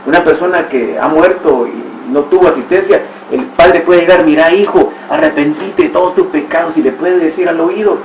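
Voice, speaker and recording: A man's voice: a little high, normal speed, hardly any pauses. A man giving a religious teaching talk, telling stories with exclamations and rhetorical asides. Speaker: catechist. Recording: roomy, distant, dull recording with faint hiss.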